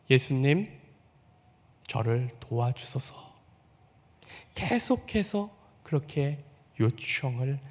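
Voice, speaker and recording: A man preaching a sermon as pastor, putting on the voices of the people in the story and asking his congregation questions. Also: long reverb tail. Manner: acts out quoted voices with rising pitch and volume.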